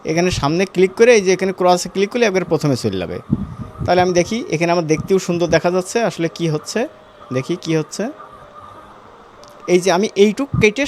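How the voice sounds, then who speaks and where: A man's voice: sits high, a little hiss or hum. A man with a Bangladeshi Bengali accent teaching an animation class live, casual and chatty, talking students through each click. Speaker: animation course instructor. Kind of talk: live online class demonstration.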